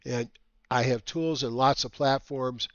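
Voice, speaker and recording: A man with a whistling nose hosting a market update as a trading educator, talking casually and haltingly with rambling asides. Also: mid-range voice, steady tone, dry recording. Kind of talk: casual semi-scripted market commentary. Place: dry room at home. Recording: slightly dull, lo-fi dry recording.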